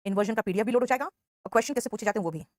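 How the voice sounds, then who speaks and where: A woman with an Indian accent and a slightly high voice teaches English grammar in an online class, explaining step by step, slowly repeating example sentences and praising students by name. The audio is studio quality with no echo.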